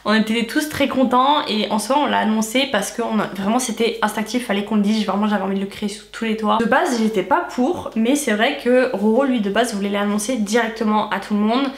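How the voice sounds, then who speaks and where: A woman's voice: on the high side, a little fast, hardly any pauses. A young woman chatting casually to viewers in a storytime vlog, with a stuffy, nasal voice and a lisp from wearing retainers. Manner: chatty, candid, slangy asides. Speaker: vlogger. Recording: echoey room.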